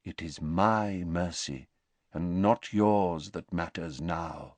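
A man voicing a calm, courteous elderly male wizard who speaks quietly. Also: medium pitch, takes it slowly, no room sound, voice pushed up.

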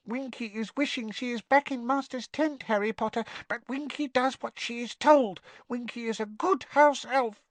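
A man voicing a tiny, timid female house elf from a storybook, with a quivering squeak and meek, servile broken grammar. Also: moderate pace, hardly any pauses, no echo. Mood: anxious, dutiful.

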